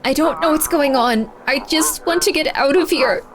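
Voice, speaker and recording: A woman's voice: sits high, moderate pace, a crowd in the background, voice pushed up. A woman voicing a frightened, trapped civilian who cuts in on a hijacked radio broadcast, with urgent, pleading speech that pushes up into a desperate cry. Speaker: streamer reading game dialogue.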